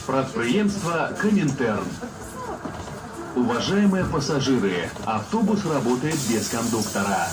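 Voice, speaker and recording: A man reading formal passenger notices, played over a bus PA loudspeaker. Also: mid-range voice, big pitch swings, music in the background. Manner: formal, deliberate announcing. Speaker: bus service announcer. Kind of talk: prerecorded transit announcement. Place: inside a moving city bus. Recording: echoey, distant, noisy bus interior.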